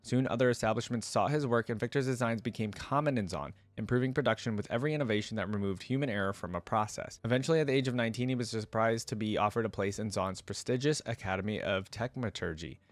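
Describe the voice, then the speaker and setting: The young man's fairly low voice races along with hardly any pauses and no echo as he reacts to gaming lore for his channel. He talks straight to viewers, musing casually and reading aloud, from a gaming chair at an indoor desk using a headset and a close desk mic on a stand.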